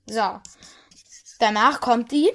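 A woman's voice: a little high, takes it slowly, fairly bright tone. A woman playing a flustered, hesitant teacher. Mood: flustered, stern. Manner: hesitant, lots of um and uh. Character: flustered, fussy schoolteacher. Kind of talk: comedic role-play sketch.

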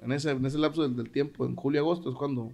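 A man's voice: medium pitch, steady tone, fast, vocal fry, a little mellow, a little hiss or hum. A young man co-hosting a casual podcast chat, slangy and often searching for words. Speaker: podcast co-host.

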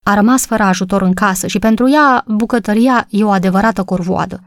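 A woman voicing a cheerful, kind young married woman who talks brightly and eagerly in an audiobook story. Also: mid-range voice, dry recording, clean studio sound, close to an everyday voice.

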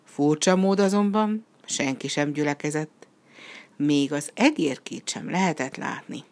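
A woman with a low voice reads a storybook aloud. Her narration is expressive and lively. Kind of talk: storybook reading.

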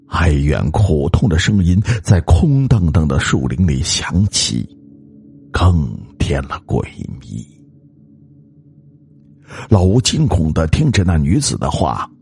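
A male storyteller with a very deep, gravelly, husky voice reads a ghost story. He speaks slowly and builds suspense, his pitch rising and falling in wide swings. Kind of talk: scripted ghost story narration.

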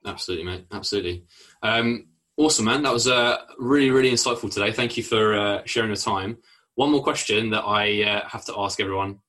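A man's voice: on the low side, a little fast, a bit bright. A man hosting a casual fitness podcast interview, with an affirming, laid-back, slangy way of talking. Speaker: podcast host, fitness coach.

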